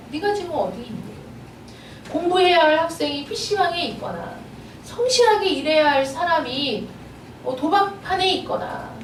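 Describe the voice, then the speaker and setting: High, lively woman preaching in an echoey church. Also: a little hiss or hum. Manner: earnest rhetorical questioning of the congregation. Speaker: pastor. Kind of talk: sermon. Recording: echoey room, voice a bit far from the mic.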